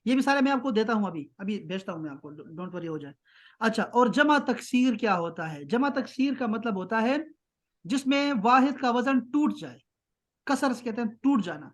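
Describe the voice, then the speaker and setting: A man teaching an online grammar class. He keeps checking that students follow and slows right down to spell out terms. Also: extremely high pitch, lively intonation. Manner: patient, keeps checking with "ٹھیک ہے؟".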